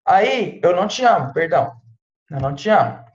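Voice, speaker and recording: A man's voice: high-pitched, sing-song, normal speed. Guy giving a chill french lesson, keeps going tá? né?, kinda echoey room and dull sound. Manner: chatty, peppers speech with "tá?" and "né?". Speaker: French teacher. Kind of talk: casual online language lesson.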